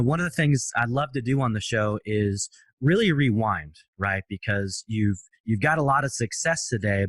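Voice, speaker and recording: A man's voice: fairly low pitch, fairly bright tone, no echo. A man hosting a podcast, asking long, friendly, rambling questions. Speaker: podcast host. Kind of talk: casual interview questions.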